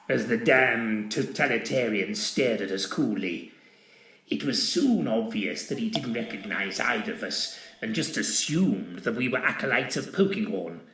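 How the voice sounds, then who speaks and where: A man's voice: mid-range voice, sharp tone. Plummy theatrical male storyteller. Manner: plummy, theatrical, upper-class. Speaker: narrator. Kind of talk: scripted comic narration. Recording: roomy echo.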